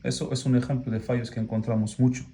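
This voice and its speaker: A man's voice: medium pitch, little pitch movement, mellow. A man teaching a lesson, explaining patiently and checking in often with the listener. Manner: patient, drawn-out examples with frequent "¿ok?" check-ins. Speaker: Arabic teacher. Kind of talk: slow classroom explanation.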